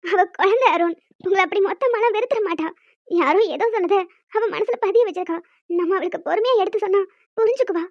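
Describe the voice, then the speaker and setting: An earnest young wife, voiced by a woman, pleading gently at a very high pitch. Her voice is squeaky and childlike. The recording is dry and dull, with faint music. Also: fast talker, no room sound.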